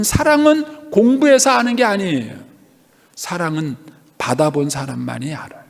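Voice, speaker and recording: A middle-aged man preaching a sermon as a pastor, telling a personal story and asking the congregation questions. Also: on the high side. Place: church sanctuary. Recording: long hall reverb.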